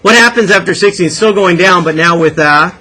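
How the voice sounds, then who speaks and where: A man's voice: high voice, fairly quick, pushed and bright, poor audio. A man with a Canadian accent teaching a calculus class, encouraging and asking his students many questions. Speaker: math teacher. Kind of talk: classroom lecture.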